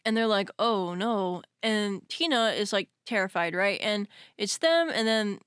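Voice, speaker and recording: A young woman retells a horror movie plot in loose, rambling casual chat, peppered with "like" and the odd swear. Her voice sits at an ordinary middle pitch. The sound is dry and close to the mic. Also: big pitch swings, moderate pace, a bit bright, clear, resonant tone, dry recording. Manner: rambling, lots of "like", swearing, laughs easily. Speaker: co-host. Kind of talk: casual film podcast chat.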